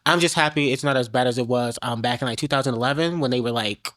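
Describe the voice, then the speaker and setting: A man co-hosting a podcast in casual chat, animated and laughing often. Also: medium pitch, quick pace. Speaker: podcast co-host.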